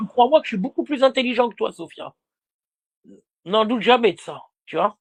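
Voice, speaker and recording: A man's voice: extremely high pitch, expressive, moderate pace. A man livestreaming a heated, insulting rant aimed directly at a rival, repeating himself often.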